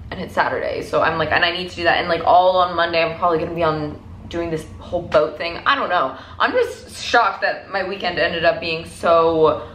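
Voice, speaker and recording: A woman's voice: on the low side, fairly bright tone. Young woman vlogging in an echoey room. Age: young adult. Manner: rambling, peppered with "like". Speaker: lifestyle vlogger. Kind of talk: casual chatty vlog to camera. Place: indoors at home, mostly a living room or bedroom. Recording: echoey room with faint noise.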